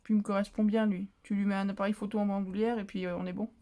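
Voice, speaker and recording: A woman's voice: mid-range voice, level tone, very fast, warm tone. A woman vlogging casually as she opens craft mail at home, chatty and easily moved, full of exclamations. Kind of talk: casual chat while opening mail.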